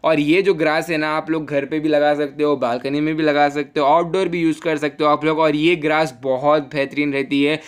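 A man doing a fast promotional voice-over for a shop, with a salesy pitch and a repeated "dude". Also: level tone, clean tone. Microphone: voice-over over photos.

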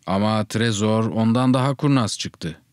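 A man reading the lines of a calm, matter-of-fact father out hunting, speaking slowly and evenly. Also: fairly low pitch, clean tone, no room sound, studio quality, lightly acted. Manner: slow, measured, unruffled.

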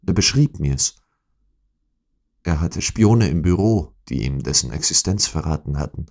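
A man's voice: rumbling low, animated, unhurried, darkish tone, heavily acted. A man voicing a distraught young noblewoman who pleads for help, in an audiobook reading. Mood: confessing. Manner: pleading, breathless, emotional.

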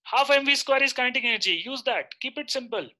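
A man's voice: extremely high pitch, lively intonation, quick pace, sharp tone. A man in his thirties with an Indian accent, teaching a live online lecture and often checking in with short questions.

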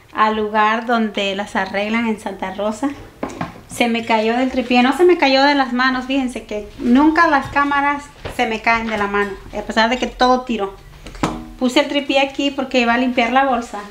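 A woman's voice: fairly high pitch, a little hiss or hum. A woman in her forties chatting to her viewers in a casual home vlog, exclaiming as she goes. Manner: chatty, exclaiming, addresses viewers as "mis chicas". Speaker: vlogger. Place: home kitchen and dining room, indoors. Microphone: camera on tripod and handheld camera. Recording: home vlog with clear kitchen clatter.

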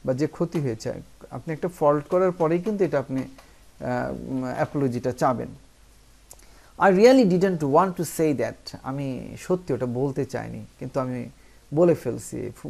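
A man from Bangladesh teaching spoken English, explaining in Bengali and reading English phrases slowly with many hesitant fillers. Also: mid-range voice, creaky, warm tone. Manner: frequent "ah" fillers, asks "ঠিক আছে?".

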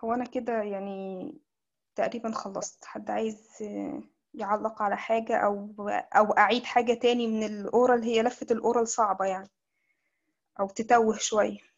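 A woman's voice: medium pitch, fairly even intonation, a little fast, pauses often. A woman with an Egyptian Arabic accent giving a medical lecture over a video call. She explains step by step and often restarts her sentences. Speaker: doctor giving an online lecture. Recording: slightly dull lo-fi call audio.

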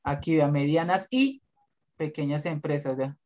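A man's voice: on the high side, expressive, measured pace, darkish tone. A man, a design teacher giving blunt, corrective feedback on a student's work in class.

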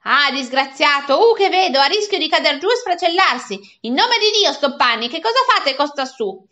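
A woman's voice: sits high, animated, moderate pace, pushed and bright, voice pushed up. A woman reading aloud and voicing a pompous middle-aged school directress who declaims dramatically. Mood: dramatic. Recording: dull lo-fi recording.

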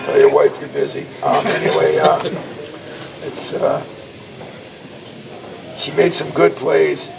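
A man's voice: fairly high pitch, big pitch swings, takes it slowly, vocal fry, pauses often, far from the mic, loud music behind the voice. A man in his sixties, a college basketball coach, answering reporters in a crowded post-game press scrum outside a locker room, with an emphatic, anecdotal way of talking. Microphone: cluster of reporters' handheld mics at close range. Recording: noisy hallway, mic a step away.

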